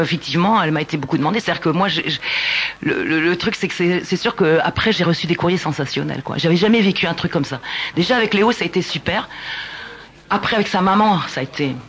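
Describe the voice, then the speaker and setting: A woman singer-songwriter telling stories in a casual radio interview, talking in an animated, halting way with many restarts. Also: sits low, slight background noise.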